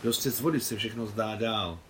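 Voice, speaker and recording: A man voicing a gentle, agreeable young female trick rider. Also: lowish voice, a little hiss or hum, lightly acted. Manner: agreeing, reasonable.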